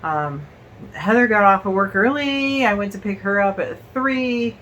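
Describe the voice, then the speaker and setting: A woman's voice: mid-range voice, a bit bright, muffled recording, a little hiss or hum. A woman vlogging at home in a casual chat, short of breath from illness and rambling with fillers. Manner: rambling, halting with fillers and laughs.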